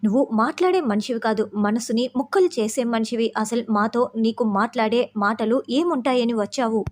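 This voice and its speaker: A woman's voice: fairly high pitch, a little fast, darkish tone, slight background noise, close to an everyday voice. A woman voicing an angry young man who scolds his former love with harsh, accusing questions.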